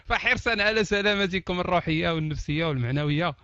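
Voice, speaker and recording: A Moroccan man with a Moroccan Arabic accent hosts a casual online chat in a quick, lively, joking manner. His voice sits high for a man. The sound is dry and a little dull, as if from a basic computer mic. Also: no echo. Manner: animated, joking, laughs often. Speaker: online talk host. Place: at home behind a PC.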